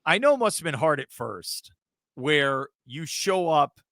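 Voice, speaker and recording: A man's voice: a little high, sing-song, measured pace, a bit bright, no room sound, clean studio sound. A man hosting a sports podcast, asking questions in an upbeat, playful way. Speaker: podcast host. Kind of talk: sports interview.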